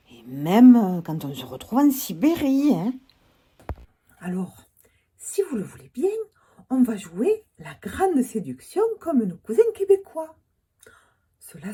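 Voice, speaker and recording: A woman with a strong Toulouse accent talks to her viewers in a wry, chatty comic monologue. Her voice is husky and dark, set low, yet it leaps up and down with lively melody. She often sinks into conspiratorial whispers between jokes. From Toulouse, France. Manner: ironic, chatty, drops into whispered asides. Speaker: vlogger. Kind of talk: humorous monologue to camera.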